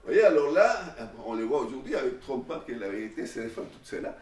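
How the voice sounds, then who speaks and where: A man delivering an informal classroom lecture in an animated way, often restarting his phrases. His voice sits in the middle range. The room echoes, and the mic is far away. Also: mid-range voice, fast, slight background noise. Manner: animated, repetitive restarts and fillers.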